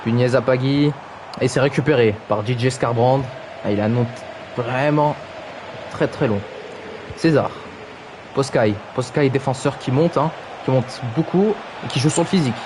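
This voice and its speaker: A man's voice: mid-range voice, normal speed, noisy background. A man commentating a video game football match on a stream, teasing players and reading chat with playful exclamations. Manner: jokey, mocks players' names, reads chat aloud, exclaims "aïe aïe". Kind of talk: playful live play-by-play commentary. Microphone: streaming microphone.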